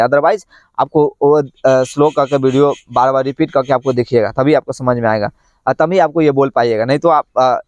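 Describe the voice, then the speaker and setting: A man teaches English pronunciation. He drills tongue twisters slowly, over and over, then coaches in a casual, chatty way. His voice sits high, and the recording is dry and close. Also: darkish tone, dry recording. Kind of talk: pronunciation lesson.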